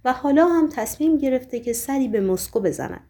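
A woman voicing a weary, sorrowful man who speaks calmly, earnestly and apologetically. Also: high-pitched, pitched above the performer's own voice. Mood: calm, sad.

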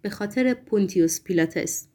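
A woman's voice: medium pitch, mellow, lightly acted. A woman reading aloud as a blunt, curious and sheepish young male poet in an audiobook.

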